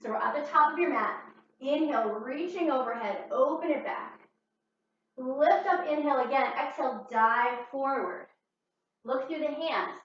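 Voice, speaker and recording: A woman's voice: high voice, normal speed. A woman leading a yoga class as instructor, cueing movement and breath in short, soothing instructions. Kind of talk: guided exercise class instruction. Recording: echoey room, distant mic, muffled, faint noise.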